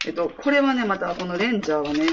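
A woman's voice: lowish voice, expressive, fast. A woman with a Kansai accent, staff at a children's day service, talking enthusiastically and proudly in a casual interview. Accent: Kansai Japanese. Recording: dull lo-fi recording with faint noise.

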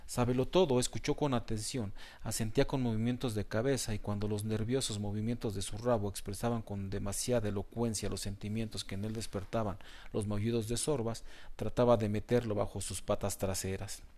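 A man narrating a children's story as an audiobook, in a measured, even storytelling voice. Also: lowish voice.

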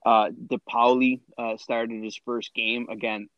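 A man's voice: medium pitch, level tone, a little slow, dry recording. A man co-hosting a casual podcast, speaking in a matter-of-fact way. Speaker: podcast co-host. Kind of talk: casual chat. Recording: dull lo-fi sound.

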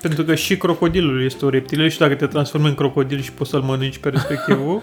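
A Romanian man co-hosting a casual chat, reasoning things out in a dry, deliberate way. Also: on the high side, steady tone, over music. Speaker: podcast co-host.

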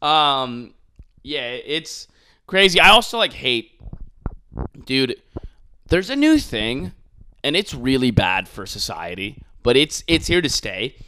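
Young man, podcast host, casual rant, sharp bright voice, profane, exasperated. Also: mid-range voice, big pitch swings, slow, long pauses. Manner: profane, exasperated, mocking imitations. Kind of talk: casual ranting monologue.

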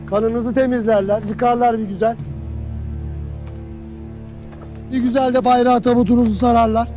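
Army commander, harsh, barking, bitterly sarcastic, strained high pitch, faint score behind. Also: male voice. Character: harsh male army commander berating his soldiers. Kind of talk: film drama acting.

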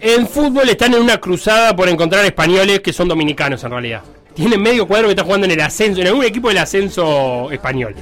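A man with a Rioplatense Spanish accent co-hosts a comedic sports talk show, joking around and telling stories in an animated, playful way. His voice is high-pitched and fast.

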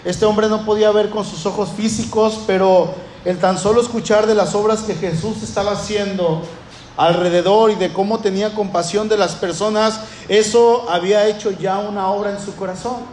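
High-voiced preacher in echoey hall. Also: male voice, steady tone, normal speed, darkish tone, a little hiss or hum. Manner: impassioned, repetitive, building emphasis. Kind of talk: sermon.

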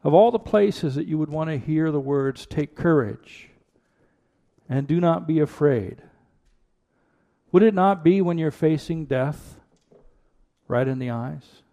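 A pastor preaching an earnest sermon into a pulpit microphone in a church, repeating rhetorical questions for emphasis. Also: male voice, on the high side, a little slow, vocal fry, long pauses, warm tone. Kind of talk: sermon with prayer and scripture reading.

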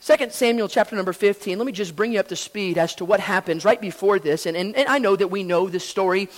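High-voiced preacher in a reverberant church. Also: male voice, quick pace. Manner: storytelling preacher, swings between soft asides and loud emphasis. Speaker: pastor. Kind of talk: sermon. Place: church sanctuary.

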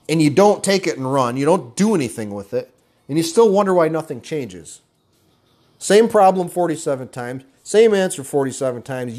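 A man's voice: mid-range voice, darkish tone. A man giving an intense, profane motivational rant, blunt and angry, calling his listeners guys. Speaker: motivational speaker.

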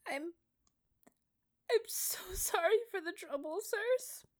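A woman's voice: on the high side, huge pitch swings, normal speed, pitched above the performer's own voice. A woman voicing Spider-Man as a young man who speaks in a small, stammering, tearful voice while faking distress. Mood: sobbing, meek. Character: young man, meek and teary, secretly sly.

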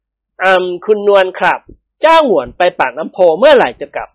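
A woman's voice: medium pitch, very animated, normal speed, breathy edge, no room sound, lo-fi sound. A woman reading the lines of a cheeky young doctor who teases his friends, in an audiobook. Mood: teasing.

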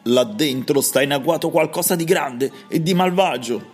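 A woman voicing a gaunt, ragged male ghost in a children's storybook, speaking slowly in a hollow, wheedling tone. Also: darkish tone, faint music behind, lightly acted. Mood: pleading. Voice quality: hollow, stovepipe-like voice. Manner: slow, deep and wheedling.

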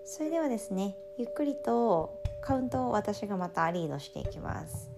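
A woman instructor leads guided breathing and relaxation in a soft, soothing way, often trailing into breathy near-whispers. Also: medium pitch, sing-song, fairly quick. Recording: prominent music with singing bowl tones. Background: meditation music with singing bowls.

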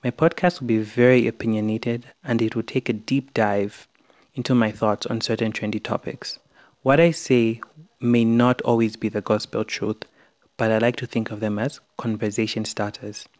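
A man's voice: on the low side, flat delivery, normal speed, a little mellow. A young man from Zambia with a Zambian English accent, hosting an opinion podcast in an earnest, frank, scripted monologue. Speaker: podcast host.

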